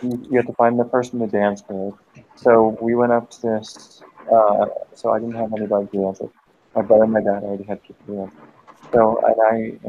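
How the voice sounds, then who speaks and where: A man's voice: on the low side, dark tone, a little hiss or hum. A man telling a long, rambling, profane story in a casual group voice chat, breaking off now and then to snap at friends who interrupt him. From United States. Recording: dull lo-fi voice chat audio.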